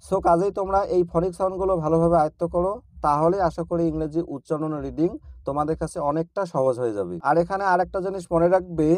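A man's voice: on the high side, darkish tone, no echo. A man teaching children English letter sounds in a patient, repetitive lesson style. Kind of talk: slow phonics lesson for children.

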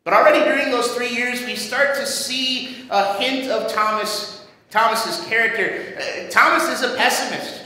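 A male pastor preaching a sermon in a church, telling a story in a measured, dramatic way. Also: very high voice, pushed and bright. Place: church sanctuary. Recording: echoey church hall reverb.

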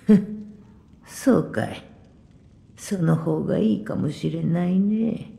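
A woman voicing a weary, blunt but kindly old village woman in a game cutscene, speaking gruffly and unhurriedly with soft whispered asides. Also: lowish voice, sing-song, slow pace, exaggerated voice.

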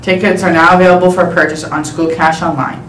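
A woman with a fairly low voice reads the school's morning announcements and prayer in a steady, measured way. She comes through the intercom, echoey and set back from the mic, with faint room sound behind her. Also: recorded from a distance, slight background noise. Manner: steady, measured reading aloud. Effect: over the school intercom.

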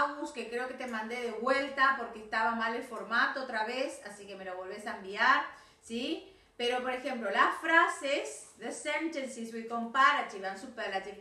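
In recorded class feedback, a female English teacher with a Rioplatense Spanish accent corrects pupils and regularly asks whether they follow. Her voice is on the high side, pushed and bright. She sits far from the mic, off-mic in an echoey room.

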